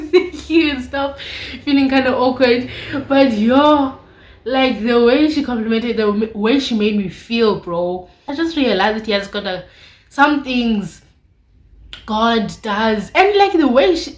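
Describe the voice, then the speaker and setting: A young woman with a South African accent, chatting casually and expressively to viewers in an informal, slangy confessional vlog. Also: fairly high pitch. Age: late teens, young adult. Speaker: vlogger. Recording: echoey, roomy sound.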